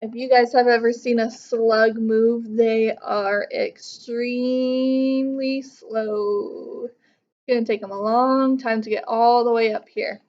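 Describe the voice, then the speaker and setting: A teacher in her thirties reads a picture book to young pupils on a home living room couch, explaining it instructively. Her fairly high voice is flat and slow. The recording's highs are cut off.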